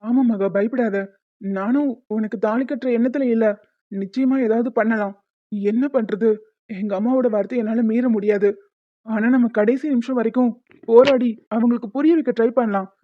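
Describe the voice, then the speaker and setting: A woman voicing characters in an animated serial, speaking calmly and reassuringly. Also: a little high, normal speed, phone-quality sound. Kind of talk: dramatic cartoon voice acting.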